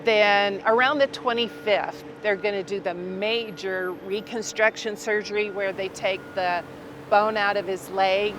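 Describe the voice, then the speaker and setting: A woman being interviewed about her brother, telling it slowly and earnestly. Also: mid-range voice, steady tone, background noise. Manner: slow, earnest storytelling. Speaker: victim's sister, interviewee. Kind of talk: casual interview.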